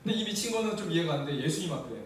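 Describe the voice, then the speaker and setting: A man's voice: a little high, expressive, very fast, a little hiss or hum. A man preaching a sermon as pastor, often asking the congregation questions. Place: church sanctuary. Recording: very echoey church hall, mic at a distance.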